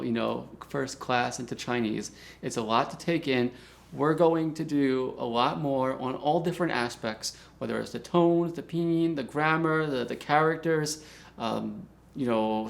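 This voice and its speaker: This is a gravelly, medium-pitched male voice giving an upbeat beginner Mandarin class at a whiteboard. He keeps encouraging learners, asking "okay?" often and slowly repeating vocabulary.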